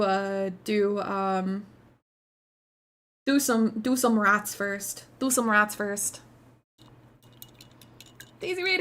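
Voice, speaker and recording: A woman livestream host chatting casually with viewers in a cute, bubbly anime-streamer manner, excitable and gushing, with casual swearing. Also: fairly high pitch.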